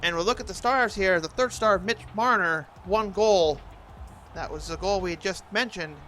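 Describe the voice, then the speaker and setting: A man doing an announcer-style play-by-play commentary of a hockey video game, excitable on big plays. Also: sits high, normal speed, a little hiss or hum.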